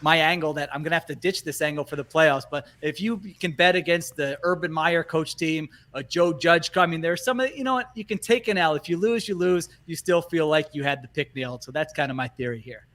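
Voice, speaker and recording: A man talking football picks on a podcast in a casual, animated way, laughing often. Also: a little high, fairly quick, hardly any pauses. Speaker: football analyst.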